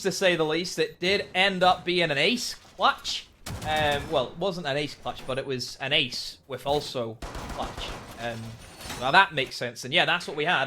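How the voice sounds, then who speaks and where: A male esports caster with a fairly high, bright and forceful voice gives conversational match analysis. Faint noise and clicks sit behind him.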